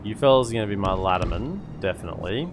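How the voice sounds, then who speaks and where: Low-voiced man commentating a strategy game. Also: expressive, quick pace, noisy background. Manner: thinking aloud, answering viewer comments. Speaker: gaming streamer. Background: game music.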